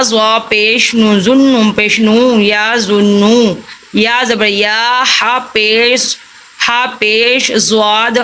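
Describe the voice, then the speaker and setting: Bright-voiced woman teaching slow recitation. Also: on the high side, slight background noise. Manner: spells out letters and vowel marks, then repeats them slowly. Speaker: Quran reading teacher. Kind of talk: slow syllable-by-syllable recitation lesson.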